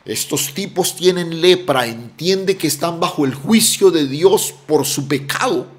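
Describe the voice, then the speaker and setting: A man preaching a sermon as pastor, emphatic, often dropping soft on key words and repeating phrases. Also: a little high, lively intonation, measured pace.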